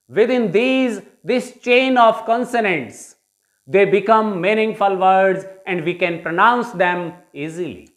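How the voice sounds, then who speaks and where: A woman English teacher from India with an Indian English accent, giving a bilingual phonetics lecture and repeating questions to the viewers. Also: fairly high pitch.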